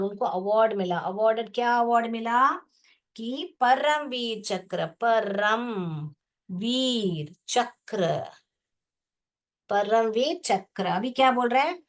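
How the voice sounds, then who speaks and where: A woman teacher with a medium-pitched voice explains a lesson slowly in Hindi. She spells words out syllable by syllable and asks the class questions she then answers herself.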